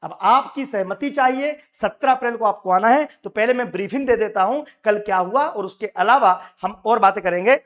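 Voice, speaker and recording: Hoarse high-voiced man rallying aspirants. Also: moderate pace, hardly any pauses, dull audio. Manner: emphatic, rallying, repeats key points. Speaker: coaching teacher and union leader. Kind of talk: direct address to exam aspirants.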